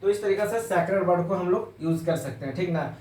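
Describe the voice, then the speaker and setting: A man's voice: high-pitched, brisk, darkish tone. A man teaching English vocabulary, explaining in Hindi, repeating words and spelling them out letter by letter. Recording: roomy echo, voice a bit far from mic.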